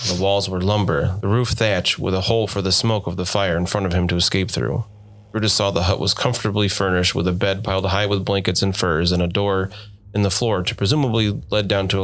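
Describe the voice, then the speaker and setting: Deep-voiced male audiobook narrator. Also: steady tone, fairly quick. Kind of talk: scripted fantasy audiobook narration.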